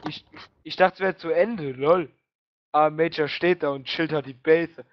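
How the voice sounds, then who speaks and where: A man's voice: on the high side, measured pace, dry recording. A drunk young man with a German accent, swearing crudely in casual voice chat while gaming. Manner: crude, swears a lot, excitable. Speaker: online gamer. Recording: muffled lo-fi voice chat.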